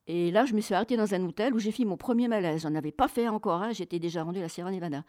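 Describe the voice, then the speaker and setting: This woman is a radio guest, recalling a long journey with vivid, animated storytelling. Her voice sits at a medium pitch, recorded close and dry at a studio mic. She drops to a near-murmur in reflective moments and bursts out loudly when she gets excited. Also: racing, no room sound. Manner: lively, expressive, laughs often, swings between hushed and loud.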